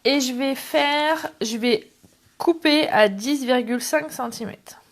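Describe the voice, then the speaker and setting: A middle-aged woman with a high, slow voice hosts a relaxed live craft tutorial. Between steps she chats with viewers, greets them by name and makes self-deprecating asides. Her camera sits on a tripod.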